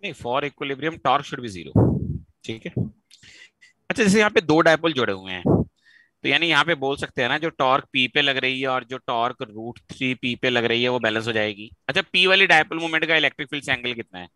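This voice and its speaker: A man's voice: mid-range voice, animated, a little fast, bright, forceful tone, no room sound, low-quality recording. A man teaching a physics class in a mix of Hindi and English, quizzing students to draw out answers. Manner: questioning, coaxing students to answer; mixes Hindi with English terms. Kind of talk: live online physics class.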